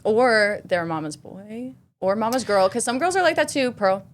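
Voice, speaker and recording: A woman's voice: medium pitch, animated, normal speed, a little hiss or hum. A 21-year-old woman co-hosting a podcast, chatting casually in a blunt, bubbly way and laughing often. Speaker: podcast co-host. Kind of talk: casual chat.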